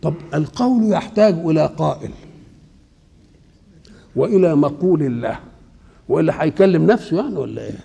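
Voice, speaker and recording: An older man with an Egyptian Arabic accent, explaining scripture while seated, asking questions and answering them himself in a lively colloquial way. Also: on the high side, vocal fry, slightly rough. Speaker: Islamic scholar. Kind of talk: Quran exegesis lesson. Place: seated indoors.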